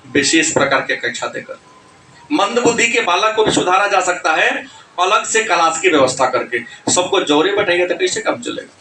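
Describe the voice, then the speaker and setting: Man, teacher, animated lecture, scolding tone, bright voice, roomy and distant sound, faint background hiss. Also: a little high. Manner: animated, scolding, laughs between points. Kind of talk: classroom lecture. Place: coaching classroom.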